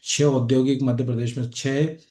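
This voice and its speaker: A man's voice: mid-range voice, level tone, normal speed, warm tone, reverberant. A man teaching an exam-prep lesson over on-screen slides, in a loose conversational way, often checking in with "okay?" and "right?". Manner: conversational, repeats fillers like "ठीक है" and "है ना". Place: academy classroom or studio.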